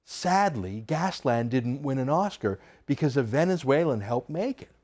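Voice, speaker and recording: A man's voice: mid-range voice, animated, moderate pace, darkish tone. A man delivering a combative TV opinion monologue as a commentator, emphatic and sarcastic.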